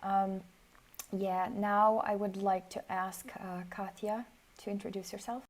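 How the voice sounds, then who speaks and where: A woman hosting an online design workshop over a video call, organized and often pausing with "um". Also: mid-range voice, level tone. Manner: organized, with frequent "um" fillers. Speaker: workshop host.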